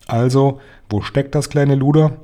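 A man doing a loud blustering hotel guest. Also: medium pitch, steady tone, measured pace, pitched above the performer's own voice, close to an everyday voice. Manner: bellowing, irritable. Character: blustering middle-aged male hotel guest.

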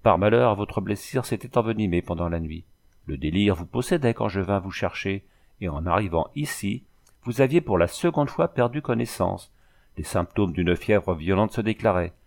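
A man voicing a gentle but bossy young woman nursing a patient, in an audiobook reading. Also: low voice, animated, normal speed, creaky. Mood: coaxing, bossy. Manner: softly commanding, coaxing.

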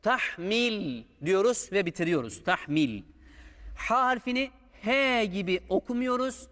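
With a high, fairly bright and expressive voice, a little on the slow side, a man takes learners through Quran recitation step by step. He patiently prolongs sounds to illustrate correct pronunciation, captured with a long hall reverb.

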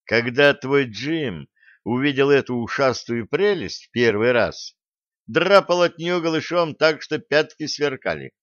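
A man's voice: medium pitch, expressive, measured pace, a bit bright, no echo, pitched above the performer's own voice. A man reading an audiobook, voicing a harried, short-tempered young starship captain who barks orders. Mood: exasperated. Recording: dull dry close recording.

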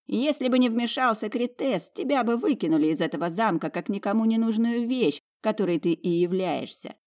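A woman's voice: mid-range voice, expressive, a little fast, a little mellow, pitched above the performer's own voice, natural voice. A woman voicing a spiteful, sneering young noblewoman in an audiobook, taunting her sister.

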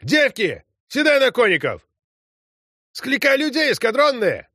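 A gruff Cossack commander barks orders at his men, as a male narrator puts him on. His voice shoots up high and loud. Dry, close sound. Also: sing-song, a little slow, dry recording, heavily acted. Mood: wild shouting. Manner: barking commands.

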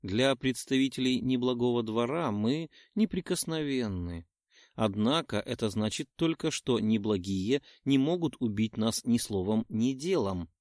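A man's voice: medium pitch, expressive, a little slow, darkish tone, dry recording, clean studio sound, close to an everyday voice. A man putting on a mocking summer queen. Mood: amused, scheming. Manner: mocking, self-satisfied. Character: proud scheming woman, queen of summer.

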